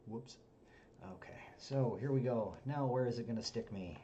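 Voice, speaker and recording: A man hosting a game stream, chatting casually and jokingly, often halting with fillers. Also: mid-range voice, mellow, dull audio, a little hiss or hum. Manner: joking, halting, many uhs. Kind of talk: casual chat while playing.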